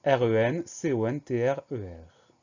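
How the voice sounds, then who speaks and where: A man leads a dictation lesson for students and spells each word out slowly and deliberately. His voice is dark and mellow. The recording sounds somewhat dull and lo-fi. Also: medium pitch, lively intonation. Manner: slow, careful letter-by-letter spelling. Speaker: teacher.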